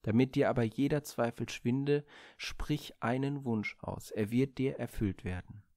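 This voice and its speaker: A man voicing the sun god Helios, a mighty fatherly deity who speaks slowly and solemnly in a storybook reading. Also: medium pitch, dark tone, dry recording, studio quality, natural voice.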